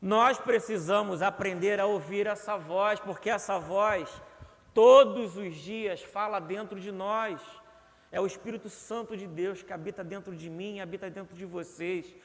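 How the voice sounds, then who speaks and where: A young man with a Brazilian accent preaches in earnest, often repeating a word to drive it home. His voice sits fairly high for a man. The long reverb of a church hall trails after each phrase. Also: unhurried. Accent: Brazilian Portuguese. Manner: earnest, repeats words for emphasis. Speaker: pastor. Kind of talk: sermon.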